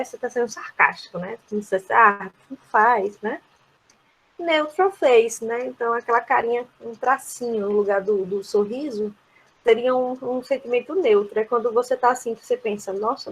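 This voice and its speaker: Brazilian teacher, woman, slightly high and husky, patient step-by-step review. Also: rough recording. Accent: Brazilian Portuguese. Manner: explains each word, many "né?" tags. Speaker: English teacher. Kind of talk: online class review.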